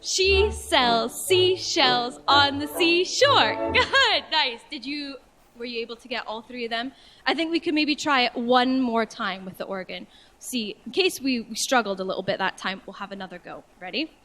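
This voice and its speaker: Cheerful woman leading warm-ups. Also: on the high side, animated, faint music behind, rough recording. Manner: encouraging, cheerful, speaks slowly and clearly when demonstrating. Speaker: singing tutor. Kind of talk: guided vocal warm-up lesson.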